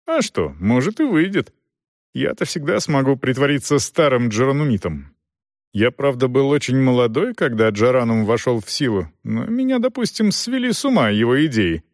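A man reading an audiobook, voicing an excitable young man who protests hotly and is proud of his mustache. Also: mid-range voice, moderate pace, dry recording, clean studio sound. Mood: scheming.

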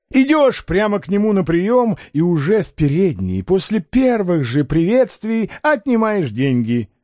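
A self-assured male con man, ironic and grandly eloquent, as a male reader puts him on. His delivery rises and falls widely, and his tone is mellow and warm. The sound is dry and close, with no room around it. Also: a little high, no echo.

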